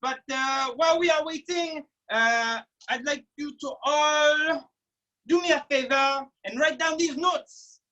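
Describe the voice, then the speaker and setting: A woman's voice: high-pitched, takes it slowly, sharp tone, recorded from a distance, lo-fi sound. A woman hosting a comedic cooking demonstration, talking in a playful, exaggerated, chatty way. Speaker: cooking show host.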